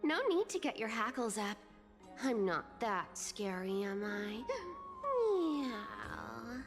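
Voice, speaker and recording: A woman's voice: on the high side, sing-song, slow, big-room sound, faint music behind, exaggerated voice. A woman voicing a sly, teasing young female thief with a cat-like, playful manner in a video game.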